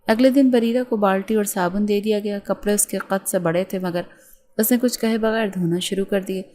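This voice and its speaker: A woman's voice: medium pitch, steady tone, warm tone. Woman reading a novel aloud. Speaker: novel narrator. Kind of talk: scripted narration of a novel.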